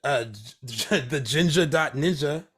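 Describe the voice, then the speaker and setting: This man co-hosts a movie podcast in Hermosa Beach, California, his voice still coming back from laryngitis. His casual chat wanders, with many fillers and restarts. He speaks on the higher side, a little slowly, with a slightly bright, husky sound.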